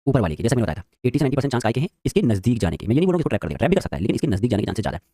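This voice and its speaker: A man teaching a live trading lesson, quizzing his viewers and talking very quickly. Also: medium pitch, big pitch swings, warm tone, no echo, studio quality.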